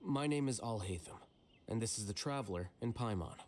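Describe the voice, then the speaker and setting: A man playing a calm, level-headed young scholar in a game, speaking in a measured, composed way. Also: lowish voice, a little hiss or hum, close to an everyday voice. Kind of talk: scripted game voice acting.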